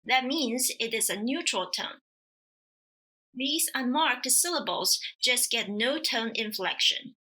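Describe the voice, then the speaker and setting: Slow, careful woman teaching pronunciation. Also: fairly high pitch, animated, bright, forceful tone. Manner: slow, careful, demonstrative delivery. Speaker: language teacher. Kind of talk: scripted pronunciation lesson.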